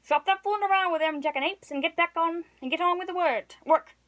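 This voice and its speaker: Blustering old innkeeper, a man in his sixties, loud rustic talk; voiced by a high-pitched woman. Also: brisk, lightly acted. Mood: scolding. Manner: loud, rustic dialect, lecturing. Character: blustering good-natured old male innkeeper.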